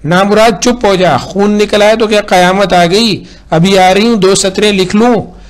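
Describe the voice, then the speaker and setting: Man acting as a housewife, shrill, high-pitched, scolding, flustered. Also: animated, darkish tone, close to an everyday voice. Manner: shrill, scolding, quick to snap. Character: scolding harried middle-aged housewife.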